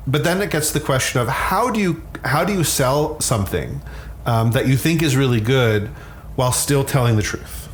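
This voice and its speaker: A man with a medium-pitched voice explains science conversationally as an expert guest, candid and often repeating words as he starts a thought. A little hiss or hum is audible.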